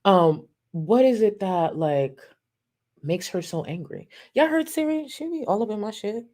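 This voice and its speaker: Unhurried but animated, a woman with a dark, mid-range voice streams live, reacting to a video and reading super chats. Her commentary is casual, sassy, profane and mocking, with frequent laughter.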